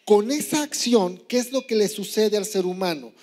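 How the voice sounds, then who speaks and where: A man's voice: sits high, moderate pace, a little mellow. A man preaching a sermon as pastor, teaching step by step with examples and often asking "¿sí?". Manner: teaching, asks "¿sí?" after points; explains with examples, some hesitation.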